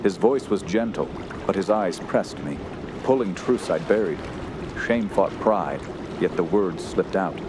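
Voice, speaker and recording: An actor with a low, expressive male voice plays a haunted young wilderness survivor in a radio horror drama, narrating his terror with grave, solemn theatricality. The mood is somber and the pace slow, with halting speech in distressed moments. Outdoor ambient noise is constantly present.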